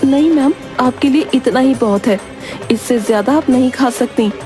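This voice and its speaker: A woman's voice: high voice, normal speed, lightly acted. A woman voicing a polite but firm young dietitian in a cartoon story. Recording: voice over background music.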